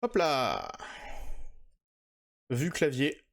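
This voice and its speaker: A man's voice: medium pitch, huge pitch swings, very slow, vocal fry, fairly bright tone. A man hosting a casual manga podcast, chatting with lots of hesitations and fillers. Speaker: podcast host.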